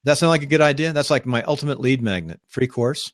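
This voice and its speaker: A man hosting a live online talk show, chatting casually in a rambling, upbeat way and pitching his ideas to guests. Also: quick pace, no echo, clean studio sound. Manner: rambling, upbeat, self-promoting. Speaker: podcast host. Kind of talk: casual live-stream chat.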